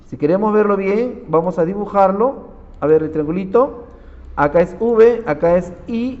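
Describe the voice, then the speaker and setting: A man teaching a physics lesson, working through problems and quizzing his students as he goes. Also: high voice. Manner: keeps saying "miren", quizzing students. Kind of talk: classroom lecture solving problems. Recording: dull audio with long reverb.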